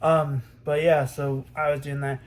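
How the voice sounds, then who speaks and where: A man's voice: fairly high pitch, level tone, unhurried. A young man vlogging at home, telling a story in a rambling way, full of fillers. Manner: rambling, lots of "um" and "I'm like". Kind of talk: casual storytelling.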